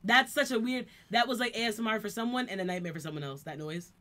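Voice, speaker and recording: A woman's voice: on the high side, quick pace, sharp tone. A woman chatting casually on a live stream in an explanatory, teasing way, with some background noise. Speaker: streamer, co-host. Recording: background noise and room ambience.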